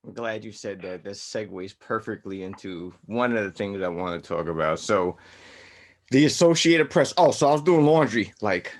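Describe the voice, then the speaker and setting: A man co-hosting a podcast in casual chat, animated and joking, swinging between loud and soft and swearing freely. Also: on the low side, normal speed. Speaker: podcast co-host.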